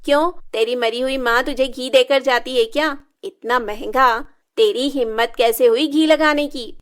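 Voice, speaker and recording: A woman voicing a cruel middle-aged stepmother who scolds and taunts in a loud, harsh voice. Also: fairly high pitch, fairly even intonation, measured pace. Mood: harsh scolding.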